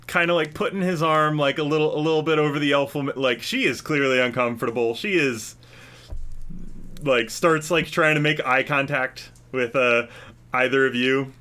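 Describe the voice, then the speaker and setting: Bright-voiced man running a tabletop game. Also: medium pitch. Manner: rambling, full of fillers and laughs. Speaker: game master.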